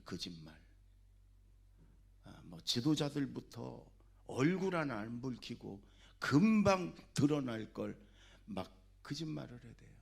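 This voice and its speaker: A man's voice: medium pitch, vocal fry. A man preaching a Sunday sermon as senior pastor, exhorting his congregation with sudden emphatic bursts. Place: church sanctuary.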